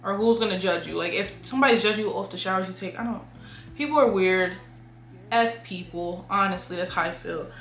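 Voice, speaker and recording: A young beauty and lifestyle vlogger talks straight to camera, handing out frank, chatty advice peppered with "like" and "y'all." Her medium-pitched voice is brisk and a bit bright, recorded in an echoey room with slight hiss or hum.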